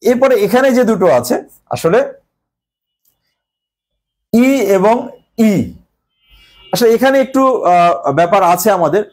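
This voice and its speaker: A male teacher explaining a grammar lesson step by step, pausing often with hesitations. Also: sits high, a little mellow.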